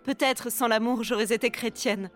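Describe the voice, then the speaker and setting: Actress as young lovestruck tragic heroine, soft, higher-pitched, intimate right-in-the-ear delivery, classical stage verse. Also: female voice, steady tone, normal speed, close to an everyday voice. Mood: tender, wistful. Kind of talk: classical French tragedy verse recitation. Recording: binaural, music underneath.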